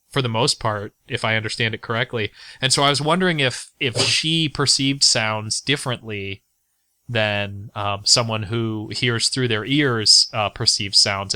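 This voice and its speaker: A man hosting a podcast, asking questions in a halting way with restarts. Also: mid-range voice, bright, forceful tone, no room sound. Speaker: podcast host. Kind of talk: casual interview.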